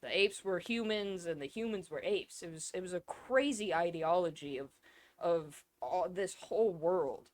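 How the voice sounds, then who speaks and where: A woman co-hosting a casual podcast, rambling and excitable, swearing freely. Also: lowish voice, normal speed. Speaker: podcast co-host. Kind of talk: casual chat.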